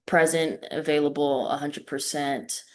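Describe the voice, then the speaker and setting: Slow, low-voiced young woman. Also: steady tone. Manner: warm and appreciative, with frequent fillers. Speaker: practice partner giving feedback. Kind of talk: mentoring practice and feedback.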